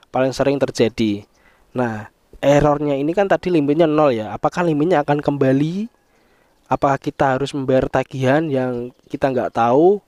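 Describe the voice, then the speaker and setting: A man's voice: mid-range voice, a little mellow, dry recording. A man casually explaining things to his viewers in a vlog, talking them through it as friends and trailing off with easy filler words. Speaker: vlogger explaining app credit errors.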